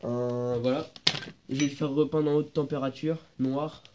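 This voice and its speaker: A congested teenage boy films his moped work on a phone for a relaxed workshop vlog, speaking hesitantly and searching for words. His voice is medium-pitched and steady at a moderate pace. The phone goes from handheld to propped, and the sound is dull, noisy, and lo-fi.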